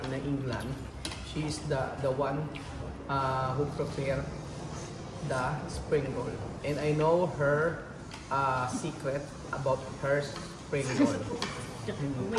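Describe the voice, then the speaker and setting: A man's voice: fairly high pitch, big-room sound, background noise. Cheerful Filipino man vlogging over a meal. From Philippines. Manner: mixes Tagalog and English, laughs a lot while tasting. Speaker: food vlogger. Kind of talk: casual food vlog chat. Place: restaurant at a shared meal.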